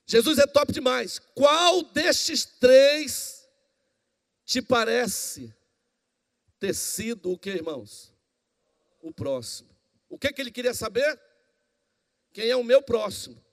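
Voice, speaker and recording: A male pastor preaching a sermon, animated and acting out the dialogue of the people in his story. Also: sits high. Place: church hall. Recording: long reverb in a church hall.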